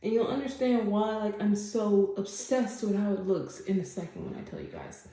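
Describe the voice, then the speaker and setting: A woman's voice: mid-range voice, normal speed, dark tone. A woman vlogger with a congested, stuffy nose, chatting casually to camera at home in a rambling way with lots of fillers. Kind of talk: casual update chat. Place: home room. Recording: very echoey room.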